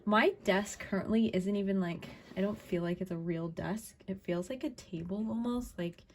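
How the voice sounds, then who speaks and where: A woman's voice: medium pitch, moderate pace, a little mellow, slight background noise. Chatty young woman with a cough. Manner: chatty, upbeat, lots of fillers. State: recovering from a cough. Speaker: vlogger. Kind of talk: casual chat. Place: home desk.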